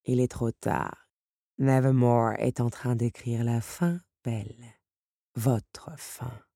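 A woman reading aloud voices a cold, scheming noblewoman who speaks in a measured, ironic and cutting way. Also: very deep voice, vocal fry, dark tone, dry recording, studio quality, pitched below the performer's own voice, exaggerated voice.

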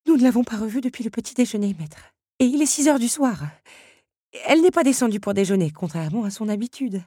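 A woman's voice: expressive, fast, dark tone, breathy edge, dry recording, studio quality. A woman voicing an anxious, motherly teapot housekeeper who frets and weeps. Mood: worried. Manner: high, tearful, fretting.

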